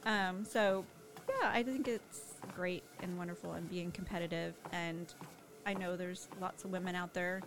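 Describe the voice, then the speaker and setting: Encouraging woman chatting over clear background noise. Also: lowish voice, steady tone, normal speed. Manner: encouraging, supportive. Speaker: co-host of a chat. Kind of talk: casual chat with a friend. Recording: noisy background ambience.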